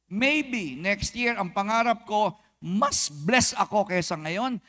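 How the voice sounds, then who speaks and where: A man with a Filipino accent, a pastor preaching an animated sermon at a church service and acting out quick comic exchanges. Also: high voice.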